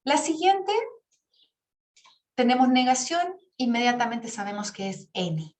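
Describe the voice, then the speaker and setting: A woman's voice: on the high side, sing-song, unhurried. Patient teacher woman, echoey room. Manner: patient, checks in with frequent "¿ya?". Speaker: English teacher. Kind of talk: online class explanation.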